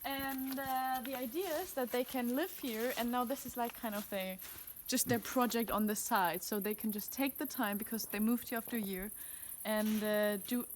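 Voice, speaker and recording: A woman's voice: a little high, steady tone, normal speed, few pauses, a little hiss or hum. A young woman from Germany, a native German speaker, hesitantly giving a casual outdoor tour with many fillers. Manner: hesitant, searching for words, frequent fillers. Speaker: architect giving a house tour. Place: outdoors in the countryside.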